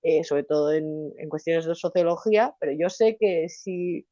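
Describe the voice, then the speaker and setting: A young woman from Spain, speaking with a Valencian Spanish accent, is a lively, talkative interview guest in a casual conversation, often restarting. Her deep voice comes at a moderate pace in a dry recording with the highs cut off.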